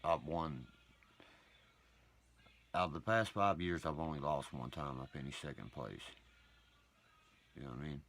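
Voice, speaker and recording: A man's voice: rumbling low, unhurried, pauses often, fairly bright tone. A man hosting his own livestream, ranting profanely and boasting while he answers viewer comments. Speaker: livestream host. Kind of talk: rambling livestream monologue.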